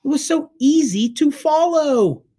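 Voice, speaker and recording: A woman's voice: medium pitch, sing-song, a little slow, a little mellow. A woman reading aloud, voicing an exasperated, gloomy schoolboy. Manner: frustrated, sighing.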